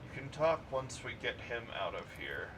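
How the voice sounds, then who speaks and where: A man streaming a game, reading its narration in a plain, steady way. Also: mid-range voice, normal speed. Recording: distant mic with clear background noise.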